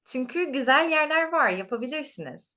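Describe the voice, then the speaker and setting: A woman with a fairly high, very animated voice leads a casual teaching conversation. She sounds encouraging, dropping in short affirmations and repeating phrases as she asks questions. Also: fairly quick. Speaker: language teacher interviewing a student.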